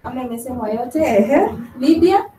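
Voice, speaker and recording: Woman, thirties, focus group moderator, a bit high, echoey room, faint background hum. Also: expressive, normal speed, mellow. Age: 30s. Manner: friendly, prompting with short checks. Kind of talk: leading a group discussion.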